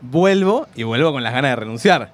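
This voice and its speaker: A man's voice: medium pitch, fairly quick. A young man with a Rioplatense Spanish accent hosting a radio talk show, telling a personal story in casual chat. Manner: storytelling, animated.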